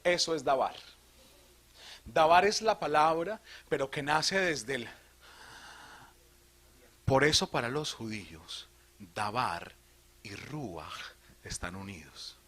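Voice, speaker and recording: A man from Colombia, a priest, giving an animated theology talk to a live audience, asking questions and joking. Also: mid-range voice, slow, pauses often. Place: retreat hall.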